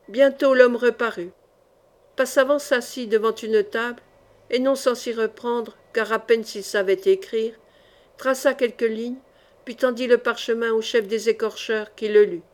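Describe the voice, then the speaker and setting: Woman reading a swashbuckling novel aloud. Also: fairly high pitch. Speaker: audiobook reader.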